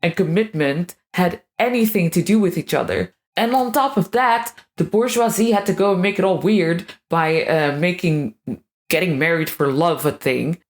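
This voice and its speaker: Woman, slightly low voice, sarcastic vlogger with a crude, irreverent edge. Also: moderate pace. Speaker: video creator. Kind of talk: scripted monologue.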